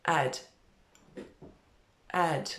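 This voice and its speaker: A woman's voice: drawn-out words, fairly bright tone, roomy sound. A middle-aged woman hosting a casual live-stream interview, chatty with many fillers and restarts. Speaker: host. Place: small room indoors.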